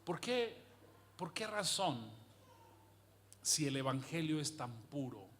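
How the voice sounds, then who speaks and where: A man preaching a sermon with passion, asking rhetorical questions and swinging from hushed to loud. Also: a little high, expressive, slow, slight background noise.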